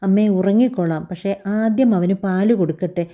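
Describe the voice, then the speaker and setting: A young new mother in a spoken family story, voiced by a woman. She speaks softly and with restraint, yet holds firm. The tone is very dark and mellow. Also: medium pitch, brisk, close to an everyday voice. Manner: soft, restrained.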